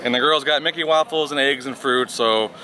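Music plays behind a thirties-aged man hosting a vlog as he walks resort paths outdoors and briefly enters a restaurant, holding the camera at arm's length. His mid-range voice is fairly quick, bright, and forceful, casual and upbeat toward viewers, though the recording is rough.

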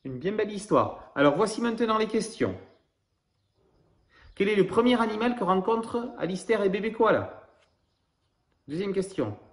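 Here a man with a high-pitched voice reads a picture book to small children at normal speed, pausing often, speaking to them directly before quizzing them. His delivery is animated, and the room echoes.

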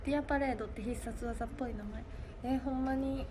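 A woman's voice: high voice, steady tone, quick pace. A young woman with a Kansai accent hosting a casual idol livestream, often breaking into laughing fits. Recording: noisy livestream audio.

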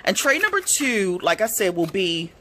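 A woman reviewing art supplies in a casual swatch video, gushing and excitable, gasping and squealing over the colors. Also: mid-range voice, moderate pace, slight background noise. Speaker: product reviewer.

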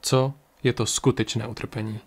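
A man voicing a calm, stern, mysterious card reader who speaks gravely and evenly. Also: medium pitch, lightly acted.

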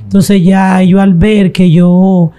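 Woman guest, confessional testimony, unhurried, mellow tone. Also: medium pitch, flat delivery. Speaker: guest telling her testimony. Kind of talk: testimony interview.

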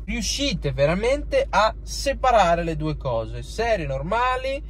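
A man's voice: high-pitched, big pitch swings, takes it slowly. A young man in his twenties with an Italian accent, giving casual gym advice to camera from his parked car and talking to his viewers directly. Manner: chatty, gesturing with his hands, addresses viewers directly. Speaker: fitness vlogger. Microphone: phone camera on the dashboard. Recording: loud car and street noise.

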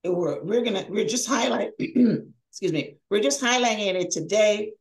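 A middle-aged woman hosting a podcast, also a life coach, reads her scripted introduction over a video call in a room at home, followed by an interview. Her mid-range voice has lively intonation and a moderate pace, delivered upbeat and emphatically on a low-quality recording.

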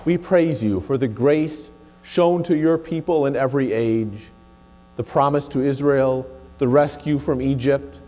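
A man in his sixties, a presiding pastor reciting communion prayer in a solemn, measured way in a large, echoing church. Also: mid-range voice, warm tone. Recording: long cathedral-like echo, faint music.

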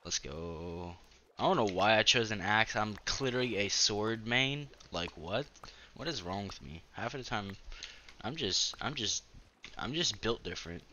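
A man giving casual gameplay commentary as host of his own gaming channel, excitable and profane, trash-talking and breaking into sudden yelps. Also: lowish voice, unhurried, muffled recording, slight background noise.

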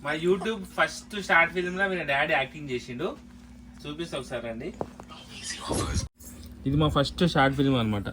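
A man's voice: a little high, fairly quick, pauses often, sharp tone, a little hiss or hum. A man with a Telangana accent, chatting casually at home as a family vlogger and talking to viewers as friends. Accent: Telangana Telugu.

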